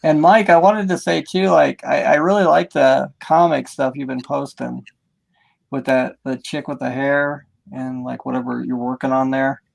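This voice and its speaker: A man's voice: medium pitch, fairly even intonation, moderate pace, creaky, rough recording. A man chatting casually on a comics livestream in a rambling, colloquial, teasing way. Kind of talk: casual chat, joking and swearing.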